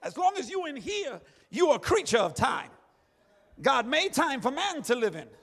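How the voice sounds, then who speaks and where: A middle-aged man preaching a fervent sermon in a church, shouting and calling out hallelujah again and again. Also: very high-pitched, sing-song, moderate pace, gravelly. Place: church sanctuary. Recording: long church reverb with faint music.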